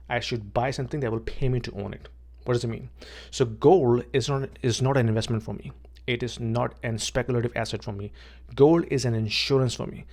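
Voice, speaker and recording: This is a man from Pakistan, a realtor who vlogs, chatting casually and plainly to the camera outdoors. He has a medium-pitched, slightly mellow voice, repeats words a lot, and keeps checking in with "okay."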